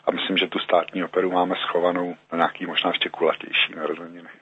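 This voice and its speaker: A man's voice: low voice, flat delivery, husky. A man answering radio interview questions as a guest, hesitant, with many fillers and restarts. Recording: narrow phone-like dry sound.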